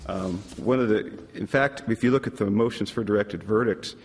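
A man argues a case as a lawyer, formal yet halting. His voice is deep, creaky and husky. It carries the long reverb of a big courtroom. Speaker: appellate lawyer. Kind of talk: oral argument in court. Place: large courtroom.

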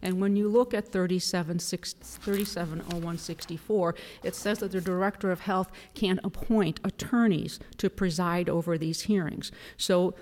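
A woman attorney delivering a formal oral argument to a court in a deliberate, emphatic manner. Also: fairly low pitch, fairly even intonation, darkish tone, a little hiss or hum. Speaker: appellate attorney. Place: large courtroom. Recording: reverberant hall.

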